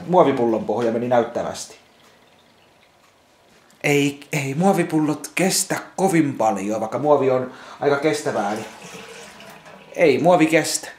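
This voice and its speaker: A man's voice: medium pitch, darkish tone, slight background noise. Swearing, rambling man in an echoey room. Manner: swears constantly, repeats himself, restarts words. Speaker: vlogger. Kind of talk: angry rambling vlog rant. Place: at home indoors.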